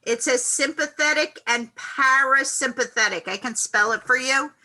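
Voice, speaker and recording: A woman teaching a college psychology class in a classroom, animated and acting out loud reactions as she explains. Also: sits high, moderate pace, poor audio. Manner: animated, acts out quoted reactions loudly. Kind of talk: classroom lecture.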